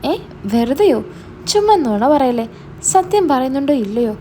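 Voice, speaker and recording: Woman reading as a bossy older brother, scolding, mellow voice, storybook. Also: high voice, animated, normal speed, slight background noise. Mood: stern. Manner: scolding, demanding. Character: stern young adult older brother.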